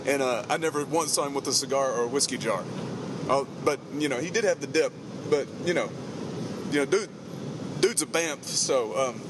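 A man's voice: medium pitch, normal speed. A man chatting casually as a podcast host in a truck cab, with a jokey, colloquial way of talking. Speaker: podcast host, firearms instructor. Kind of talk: casual chat. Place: inside a moving truck cab. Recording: clear road and vehicle noise.

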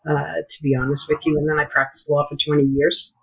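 Hoarse, croaky woman with a frog-like voice. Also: low voice, little pitch movement, brisk, a bit bright, poor audio. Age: middle-aged or older. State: hoarse, needing lozenges. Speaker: podcast guest, former lawyer. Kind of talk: conversational interview.

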